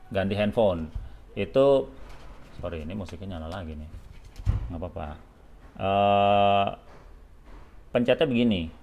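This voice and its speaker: A man with a lowish, darkish voice presents a product tutorial for a helmet shop. He demonstrates hands-on, step by step, in a casual, informal way, adding short check-in tags as he goes.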